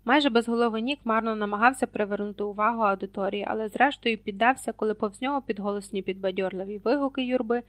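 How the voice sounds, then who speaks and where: A woman narrating an audiobook in an expressive, storytelling way, reading out page numbers as she goes. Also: fairly high pitch, fast talker, few pauses, no room sound. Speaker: audiobook reader. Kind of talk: scripted narration.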